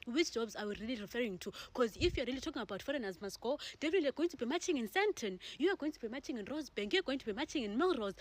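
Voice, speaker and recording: Fast-talking woman vlogger. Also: on the high side. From Zimbabwe. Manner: chatty, mixes in Zulu words, rhetorical questions. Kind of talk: casual vlog commentary.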